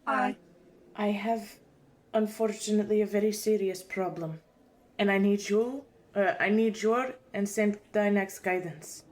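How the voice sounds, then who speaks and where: A woman's voice: mid-range voice, steady tone, a little mellow. A woman taking part in a tabletop game, talking in an earnest, chatty way. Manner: earnest, chatty, quick asides. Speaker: player. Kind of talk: casual tabletop role-play.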